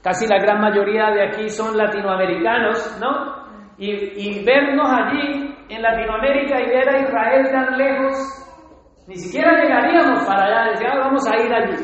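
High-voiced preacher in an echoey hall. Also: male voice, fairly bright tone. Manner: asks the congregation rhetorical questions. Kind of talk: sermon. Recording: echoey hall, dull lo-fi sound.

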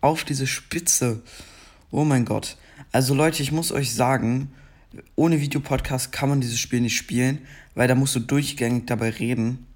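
Scratchy-voiced young man, slow gaming chatter. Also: medium pitch, fairly even intonation. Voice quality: scratchy morning voice. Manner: frustrated outbursts between slow chatter. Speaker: gaming video creator. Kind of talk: casual gameplay commentary.

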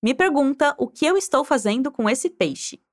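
A woman's voice: high-pitched, lively intonation, normal speed. A woman teaching Spanish, guiding the listener through pronunciation drills and prompting them to repeat aloud.

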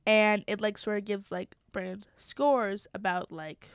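A woman's voice: mid-range voice, fairly even intonation, measured pace, smooth, no room sound. A young woman co-hosting a casual podcast chat, talking loosely with many fillers and laughs while her mic cuts in and out. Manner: chatty, lots of fillers and laughs. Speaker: podcast co-host. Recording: dry, mic cutting in and out.

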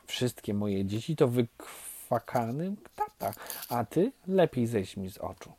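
A man voicing mean young ducklings who tease in a high, mocking quack. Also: sing-song, a little slow, mellow, husky, heavily acted.

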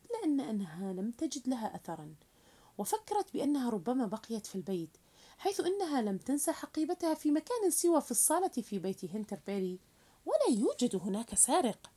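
A woman tells a novel's story aloud with a lively, rising and falling voice. Her tone is mellow and somewhat high. She narrates in an expressive storytelling manner.

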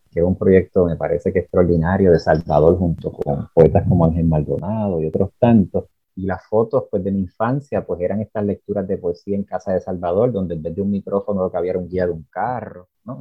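A Puerto Rican man speaking in a lowish voice, thinking aloud with many small fillers and tags. The sound is dry, with no room in it, and a little muffled and dull. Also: husky, no room sound. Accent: Puerto Rican Spanish. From Puerto Rico. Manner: thoughtful, searching, many fillers like "pues" and "¿verdad?". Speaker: writer and poet, interview guest. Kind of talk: reflective interview talk.

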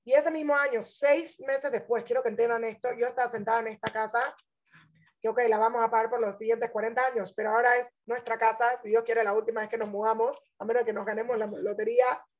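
A woman's voice: fairly high pitch, little pitch movement, quick pace, dull audio. A woman religious teacher telling her personal testimony in an inspirational talk, earnest and emphatic, speaking straight to her listeners.

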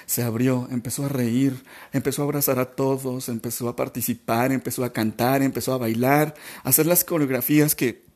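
A man's voice: medium pitch, fairly even intonation, darkish tone. Male podcast host, earnest storyteller who stumbles and repeats himself, mid-range voice. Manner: halting, emotional, many restarts and repetitions.

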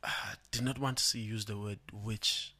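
A man's voice: on the low side, fairly even intonation, normal speed, pushed and bright. A man, a rapper talking casually about his songs in a podcast studio, often laughing and repeating words as he explains. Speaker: rapper guest. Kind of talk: casual interview chat.

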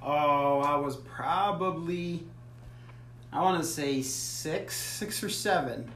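A man's voice: fairly high pitch, slow pace, fairly bright tone. Easygoing man heard from across a room. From Africa. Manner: easygoing, many "you know" fillers. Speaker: soccer player being interviewed. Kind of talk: casual interview. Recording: roomy, distant mic with faint noise.

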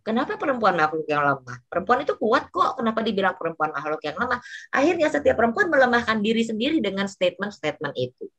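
A middle-aged woman from Indonesia, talking as an interview guest who gets heated and passionate, and who acts out quoted lines in a higher voice. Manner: passionate, quick to get heated. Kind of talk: casual interview talk.

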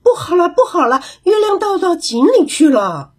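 A woman voicing a fussy grown-up male monkey in a children's story, quick to fret and scold. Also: high-pitched, big pitch swings, a little mellow, breathy edge, full character voice. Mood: alarmed.

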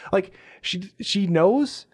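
A man with a slightly higher than usual voice, talking games on a podcast in a loose, casual way. He swears constantly and slips into quick acted-out bits of dialogue to make his point. He sounds enthusiastic and opinionated. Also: lively intonation. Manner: profane, enthusiastic, acts out characters' lines. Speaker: podcast co-host. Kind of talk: casual gaming podcast chat.

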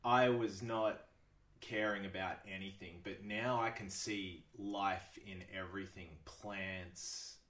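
Male podcast guest, very low voice, relaxed and profane, laughs a lot, echoey room, sits back from the mic. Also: slow pace, distant mic. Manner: laid-back, swears a lot, laughs often. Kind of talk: casual chat.

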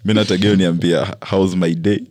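A man's voice: low-pitched, steady tone, fairly quick, heavy background noise. A man in his twenties with a Kenyan accent, bantering casually in slang as a podcast co-host. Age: 20s.

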